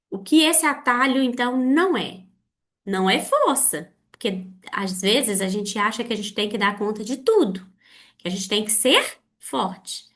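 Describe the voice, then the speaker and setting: A woman's voice: a little high, fairly bright tone. A woman with a Brazilian Portuguese accent, hosting a therapy podcast, speaking earnestly to listeners with repeated rhetorical questions. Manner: earnest, repetitive rhetorical questions, slow halting delivery. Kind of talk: reflective monologue addressing listeners.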